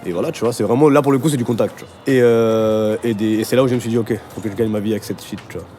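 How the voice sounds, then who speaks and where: With soft music in the background, a man with a lowish, dark, steady voice talks very fast. Born in Argentina and moved to France at thirteen, this music video director recounts his story in a loose, slangy interview style punctuated by conversational tags.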